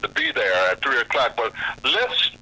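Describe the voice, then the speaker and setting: A man hosting a call-in radio talk show, speaking in an unhurried way as he introduces callers and announces events. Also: mid-range voice, huge pitch swings, sharp tone, husky. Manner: unhurried, announcing and giving directions. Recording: noisy radio broadcast.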